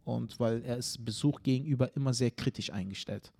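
A man co-hosting a comedy podcast, telling stories animatedly in casual chat and often tagging his sentences with quick questions. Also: medium pitch, vocal fry, slightly rough. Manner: animated storyteller, tag questions, acts out scenes.

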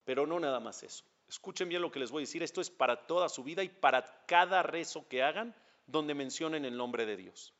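A rabbi with a Mexican accent teaches a religious class in a fairly high voice, stressing his points and putting questions straight to his listeners. The recording sounds dull and lo-fi. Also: fairly quick, fairly bright tone. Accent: Mexican Spanish.

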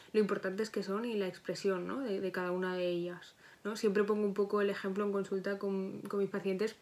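Chatty young woman psychologist. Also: medium pitch. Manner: chatty, reflective, self-correcting. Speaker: psychologist guest. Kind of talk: casual podcast interview.

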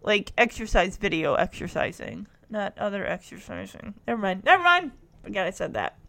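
A woman casually recapping a sitcom episode, chatty and acting out the characters' lines in quick quotes. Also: mid-range voice, very animated, vocal fry, a bit bright.

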